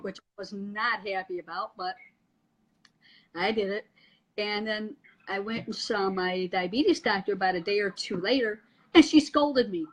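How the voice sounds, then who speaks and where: A middle-aged woman telling her story in a casual chat over a video call, lively and often laughing. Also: medium pitch, rough recording. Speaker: guest sharing her story.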